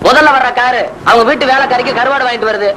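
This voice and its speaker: A servant, speaking quickly and matter-of-factly in a very high voice. Outdoor noise behind him on an old film soundtrack. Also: male voice, fairly even intonation, bright, forceful tone. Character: servant answering his boss.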